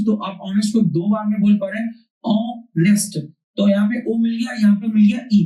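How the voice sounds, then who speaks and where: A man's voice: high voice, mellow. A man teaching a grammar class. He repeats key points and asks questions that he then answers himself. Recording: roomy, distant mic.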